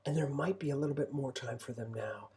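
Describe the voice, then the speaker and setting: A fast-talking middle-aged man with a medium-pitched, warm voice co-hosts a casual advice chat. Drawing on his experience as a homeschooling parent, he sounds reflective and encouraging.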